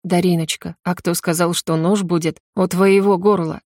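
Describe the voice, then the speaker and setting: A woman voicing a smug male witcher who speaks with gentle, smirking menace. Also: lowish voice, fairly even intonation, normal speed, no echo, clean studio sound, natural voice.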